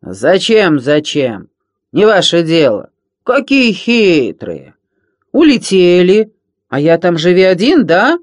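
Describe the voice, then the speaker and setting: Guy doing a loud hairy space pirate baddie, bragging and whiny, pitched up a bit. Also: wildly swooping pitch, slow pace, no room sound, clean studio sound, exaggerated voice. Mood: whiny, blustering. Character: blustering hairy male space pirate villain.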